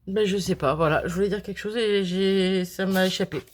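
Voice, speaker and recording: A woman's voice: medium pitch, steady tone, fairly quick. A chatty woman from France who vlogs about crafting, casually showing swapped cards and laughing at her own slips. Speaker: crafting vlogger.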